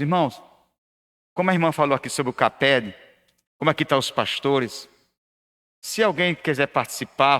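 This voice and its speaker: A man's voice: mid-range voice, fairly bright tone. A man organizing a church meeting, making chatty announcements and checking in with the crowd through tag questions. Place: church hall. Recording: long church-hall reverb.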